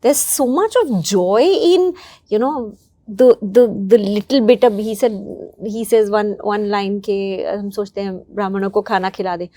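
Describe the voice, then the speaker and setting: A woman speaks as a writer guest in an interview. She talks quickly in halting phrases, and the sound is dry and close. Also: medium pitch, dark tone, dry recording. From Afghanistan and north India. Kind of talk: interview talk mixing English and Hindi.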